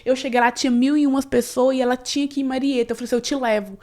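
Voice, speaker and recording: A woman tells her own story as an interview guest. Her fairly high voice runs earnest and personal, full of fillers and restarts. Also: steady tone, racing, darkish tone. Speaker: interview guest, cleaning business owner. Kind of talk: emotional personal story in casual conversation.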